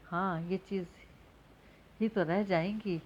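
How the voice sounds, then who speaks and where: A woman's voice: mid-range voice, fairly even intonation, slow pace, a little mellow, muffled recording, a little hiss or hum, lightly acted. A woman voicing a shy, earnest young woman soon to be married, in a story reading.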